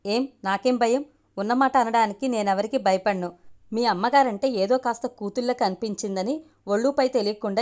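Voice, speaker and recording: A woman voicing a haughty, scornful young woman with a sharp tongue in an audio story. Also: a little high, natural voice. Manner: taunting, defiant.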